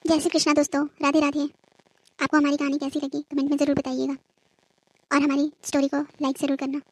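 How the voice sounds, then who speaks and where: A woman's voice: high-pitched, monotone, quick pace, no echo. A woman signing off as narrator of a cartoon story channel in a friendly manner.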